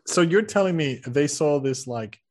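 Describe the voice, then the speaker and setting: A man's voice: on the high side, expressive, moderate pace. A man co-hosting a podcast in casual chat, reacting to a story with quips and jokes. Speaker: podcast co-host.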